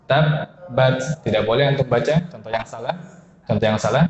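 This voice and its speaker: A man's voice: medium pitch, fast, reverberant, muffled recording, a crowd in the background. A man with an Indonesian accent teaching Quran recitation rules, quizzing his students and chanting example syllables. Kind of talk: tajwid lesson.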